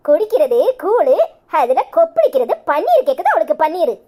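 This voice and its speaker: A proud, sharp-tongued mother of the groom in a village cartoon, as a woman puts her on. She scolds in a very high, lively voice, scornful and threatening, pouring out complaints. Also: fairly quick. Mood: mocking. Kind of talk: cartoon voice acting.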